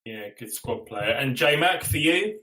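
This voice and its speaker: Man, podcast host, bright tone, blunt and chatty, drops the odd swear. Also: medium pitch, lively intonation, takes it slowly, low-quality recording. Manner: blunt, swears casually, steers the discussion with questions. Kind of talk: casual fan podcast chat.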